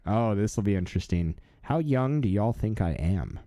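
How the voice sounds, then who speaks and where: Low-voiced man chatting on a livestream. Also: moderate pace, dry recording. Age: 30s. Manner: relaxed, chatty, many fillers. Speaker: livestream host. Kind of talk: casual live-stream chat.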